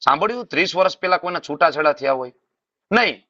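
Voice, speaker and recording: Animated Gujarati preacher, bright voice. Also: male voice, a little high, fast talker, dry recording, muffled recording. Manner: animated, rhetorical questions, repeated phrases. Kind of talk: Gujarati scripture class sermon.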